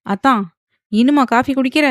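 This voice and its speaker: A woman's voice: sits high, moderate pace, dry recording, pitched above the performer's own voice, close to an everyday voice. Cheeky sassy wife from an audio romance, sarcastic, dry mic, woman voicing her. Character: sassy, playful young wife.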